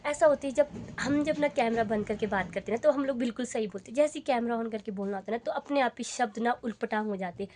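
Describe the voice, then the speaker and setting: A woman's voice: quick pace, a little mellow, a little hiss or hum. A young woman in a casual home vlog, chatting to viewers in a rambling, friendly way. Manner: high sing-song baby talk to her child. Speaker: vlogger.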